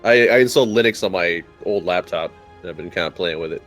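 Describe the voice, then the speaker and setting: A man's voice: low voice, fast, fairly bright tone, soft background music. A man playing a multiplayer strategy game, telling rambling anecdotes over a headset mic with many restarts. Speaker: multiplayer game player and video maker. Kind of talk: casual voice-chat banter.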